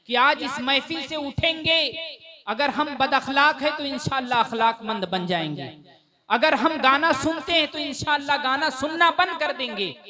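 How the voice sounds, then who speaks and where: A man preaches a fervent sermon at a religious gathering, calling out to his listeners again and again. His voice sits high for a man. A crowd of listeners can be heard clearly around him. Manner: fervent, rhetorical, repeated invocations. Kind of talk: impassioned sermon.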